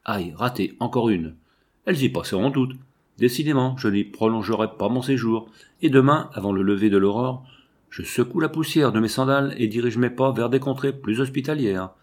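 A man reading a storybook and voicing a cocky teenage boy with a raspy voice, breezy and mock-ceremonious. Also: medium pitch, normal speed, a little mellow, lightly acted. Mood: mock-grand.

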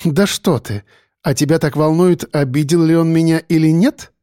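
Мужчина озвучивает хладнокровную насмешливую женщину-убийцу, говорящую спокойно и ледяным тоном. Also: female voice, deep voice, moderate pace, dry recording, studio quality, natural voice. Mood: mocking. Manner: calm, icy, mocking. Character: cold, mocking female killer.

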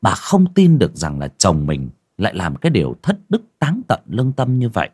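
A man's voice: on the low side, huge pitch swings, fairly quick, darkish tone, slightly rough, no room sound, clean studio sound. A man reading a horror story aloud in a dramatic, suspenseful narration style. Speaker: audiobook narrator.

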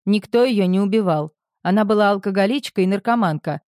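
A woman's voice: mid-range voice, fairly quick, darkish tone, no room sound, studio quality, lightly acted. A woman reading the part of a crude, dismissive man who talks in blunt slang in an audiobook. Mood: mocking.

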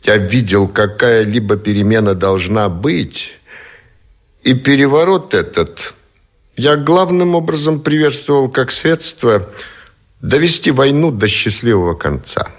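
An actor playing a reserved, dignified naval admiral in a radio drama, speaking in a measured, formal, deliberate way. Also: male voice, medium pitch, lively intonation. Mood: formal, composed. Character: Admiral Kolchak, reserved, dignified naval officer under interrogation. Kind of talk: Russian radio drama acting.

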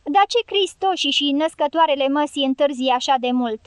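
Bossy, cursing guerrilla matriarch for an audiobook, high and dry, read by a woman narrator. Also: dry recording, natural voice. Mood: furious. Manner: commanding, swearing. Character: fierce foul-mouthed middle-aged female guerrilla leader. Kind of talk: audiobook character reading.

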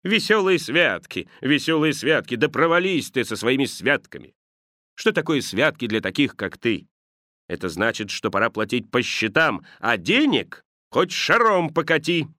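A man's voice: mid-range voice, sing-song, normal speed, pushed and bright, no echo, clean studio sound. A man doing a grumbling old miser. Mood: scornful. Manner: grumbling, dismissive. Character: grumpy miserly old man, curt and scornful. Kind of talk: audiobook character reading.

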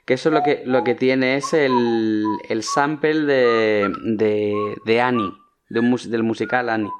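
A man's voice: medium pitch, fairly even intonation, unhurried, noisy background. A man with a Spanish accent co-hosting a casual film podcast, explaining things at length with frequent restarts. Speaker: podcast co-host.

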